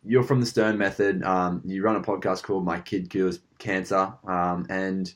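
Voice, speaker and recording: A man's voice: sits low, little pitch movement, moderate pace. A man with an Australian accent hosting a podcast, chatting casually with a laid-back, rambling manner. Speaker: podcast host. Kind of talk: casual interview chat.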